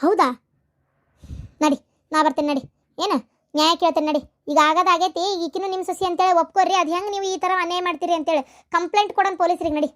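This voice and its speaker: A woman's voice: extremely high pitch, steady tone, fast talker. A woman voicing an indignant, protective elder sister in a cartoon, scolding with a North Karnataka Kannada accent. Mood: determined. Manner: scolding, forceful.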